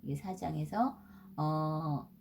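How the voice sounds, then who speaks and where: A woman's voice: low-pitched, slow pace, vocal fry, a little mellow, slight background noise. A middle-aged woman giving a casual Bible lesson, asking her listeners questions and dropping English words into her talk. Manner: conversational, asks rhetorical questions, mixes in English words. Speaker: Bible study teacher.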